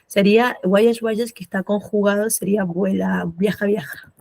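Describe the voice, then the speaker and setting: A woman's voice: mid-range voice, steady tone, gravelly, darkish tone, no room sound. A woman teaching French to adult students in Spanish with an Argentine accent, patiently repeating words and checking with "¿sí?". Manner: patient, repeats words slowly, asks "¿sí?" often. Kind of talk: classroom explanation of pronunciation.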